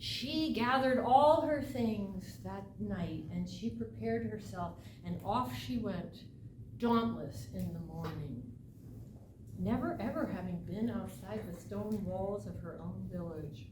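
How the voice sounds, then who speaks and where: Female oral storyteller, dramatic and unhurried, recorded from a distance in an echoey, noisy room. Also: medium pitch. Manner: dramatic, deliberate, with emphatic phrases and pauses. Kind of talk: live oral folk tale telling.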